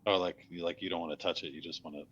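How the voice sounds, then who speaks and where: A man acting as game master, narrating a tabletop fantasy game casually and haltingly, thinking aloud. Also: sits low, steady tone, a bit bright, dull audio, a little hiss or hum.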